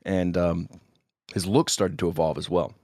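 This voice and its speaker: A man's voice: low voice, normal speed, no echo, studio quality. A man co-hosting a music podcast, steadily recounting his research notes in casual chat. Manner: steady recounting, with short agreeing interjections. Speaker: podcast co-host.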